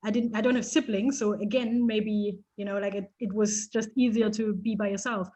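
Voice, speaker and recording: A woman from East Germany, a photographer, telling stories in a casual interview with lively restarts and laughter. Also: medium pitch, moderate pace, highs cut off. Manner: animated storytelling, frequent restarts and laughs.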